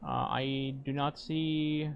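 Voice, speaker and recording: Male game streamer, slightly high pitch, off-the-cuff chat, puts himself down. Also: level tone, slow pace, gravelly, highs cut off, a little hiss or hum. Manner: self-deprecating. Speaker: livestreamer.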